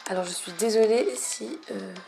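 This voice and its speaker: A young woman speaking low and hushed, at times near a whisper, narrating a game in florid, hesitant phrases. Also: moderate pace, creaky, slight background noise. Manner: lyrical, florid wording with many hesitations. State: slight cough lately. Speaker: video game player narrating own recording. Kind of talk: hushed late-night game commentary.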